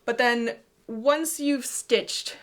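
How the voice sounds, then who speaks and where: A woman's voice: a little high, drawn-out words, a bit bright. A woman co-hosting a podcast, explaining things in a casual, chatty way. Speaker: podcast co-host and designer.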